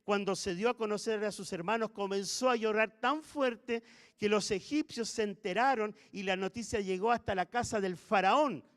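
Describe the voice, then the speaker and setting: A man's voice: sits high, normal speed. A man preaching a sermon in a church, retelling a story and asking his listeners questions. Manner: animated, asks the congregation questions. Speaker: pastor. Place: church sanctuary. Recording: echoey church hall.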